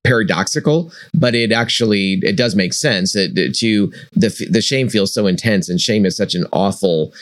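A man's voice: fairly low pitch, normal speed, few pauses, dry recording, studio quality. A man hosting a podcast, thoughtful and affirming toward his guest. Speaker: podcast host. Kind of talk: podcast interview.

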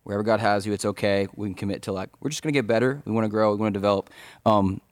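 A young man hosting a podcast, chatting casually in a relaxed, encouraging way and steering the talk. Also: on the low side, very fast, dry recording, clean studio sound. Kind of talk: casual chat.

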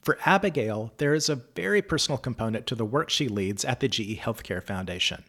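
A man reading scripted narration for a news feature in a smooth, polished way. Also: mid-range voice, lively intonation, a little fast, fairly bright tone. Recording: narration over clear background music.

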